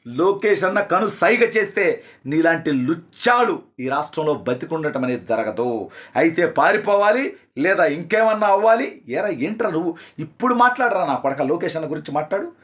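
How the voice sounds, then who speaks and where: A man delivering an angry political rant, hurling insults and rapid-fire accusations. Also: a little high, lively intonation, fairly bright tone. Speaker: political party supporter.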